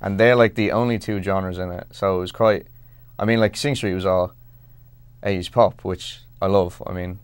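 A young Irish man with a low voice and a smooth, resonant tone. He talks in a halting, self-deprecating way, stopping and restarting often. The sound is close and dry. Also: fairly even intonation, no room sound. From Ireland. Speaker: actor guest. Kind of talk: casual interview chat.

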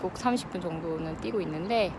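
While running outdoors, a vlogger in her thirties chats casually and reflectively with her audience, breathing with some effort between phrases. Her voice is lowish and a little fast, and wind or traffic noise fills the background.

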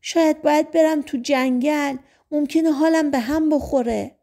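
A woman voicing a shy, wary teenage girl who speaks quietly and hesitantly in an audiobook. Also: high-pitched, fairly even intonation, voice pushed up.

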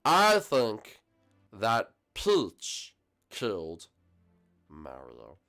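A mischievous, goofy dinosaur, voiced by a man who talks in playful, rambling bursts. The pitch jumps around animatedly in a homemade puppet comedy. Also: wildly swooping pitch, extremely slow, sharp tone, faint music behind, heavily acted.

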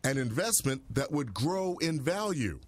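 A man reporting a news story in a measured, scripted narration style. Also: mid-range voice. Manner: measured, even reporting delivery.

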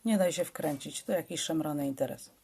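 A foul-mouthed, jumpy young woman who swears freely and talks with urgency, as a woman narrator puts her on. Her voice is low and husky, with a creaky grain. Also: normal speed, warm tone, exaggerated voice. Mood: swearing, urgent.

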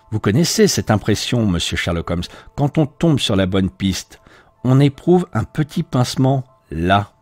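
A man's voice: mid-range voice, darkish tone, no echo. A man voicing a proud, boastful police detective recounting his inquiry. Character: confident male police detective, middle-aged, boastful.

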